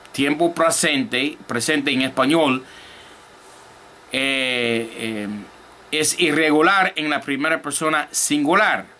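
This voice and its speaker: Slow, hesitant man teaching grammar. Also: a little high, bright, forceful tone. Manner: slow, halting explanation with many fillers and repeated words. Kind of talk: recorded grammar lesson. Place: his office.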